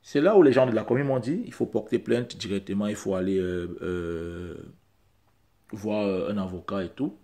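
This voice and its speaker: A male vlogger from Central Africa speaks straight to camera in French, which isn't his first language. His voice is on the low side and mellow, with a moderate pace, and he keeps repeating himself insistently, building up to emphatic peaks.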